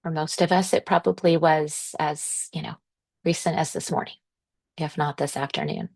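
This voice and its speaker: A woman giving a workshop presentation to parents, explaining things in a gentle, reassuring, measured way. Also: deep voice, steady tone, creaky.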